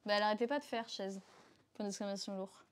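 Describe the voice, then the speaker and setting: A woman's voice: medium pitch, fairly even intonation, fast talker. A woman with a French accent, chatting casually on a live stream and bantering with her co-host. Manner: laughing, bantering.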